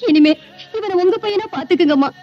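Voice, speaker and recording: Film drama: a sorrowful, high-voiced mother, lo-fi soundtrack. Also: fairly quick, soft background music. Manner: tearful, pleading. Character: anguished poor mother sending her son away. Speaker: birth mother.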